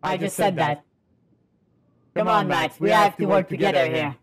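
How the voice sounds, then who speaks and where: A man in his thirties streaming a game live over a headset mic, excitable and swearing as he reacts and talks to his chat. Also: high voice, moderate pace. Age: 30s. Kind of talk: gaming livestream commentary. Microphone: livestream headset mic.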